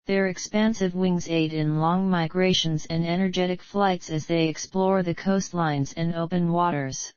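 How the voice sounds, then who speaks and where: A woman narrates in a nature documentary manner with a slightly low, clean, resonant voice. Her reading is polished and explanatory. The recording is dry and a touch muffled. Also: fairly even intonation, a little slow, few pauses, darkish tone, clear, resonant tone, dry recording.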